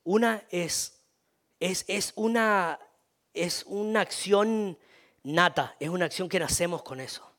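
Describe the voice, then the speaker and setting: A man's voice: sits high, takes it slowly, fairly bright tone. A man preaching a sermon, repeating himself, restarting often and calling for amens. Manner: repetitive, many restarts, calls for amen.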